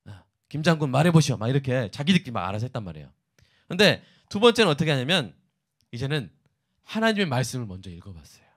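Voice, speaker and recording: A man's voice: mid-range voice, fairly bright tone. A man preaching a sermon, retelling a story with acted asides and sudden bursts of emphasis. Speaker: pastor.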